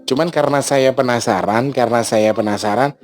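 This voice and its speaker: A man tells a story to his vlog audience in a mid-pitched voice. He talks in an animated way and breaks into exclamations. Soft guitar music plays faintly behind him. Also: brisk. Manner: animated, mixes in Javanese, frequent exclamations. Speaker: channel host.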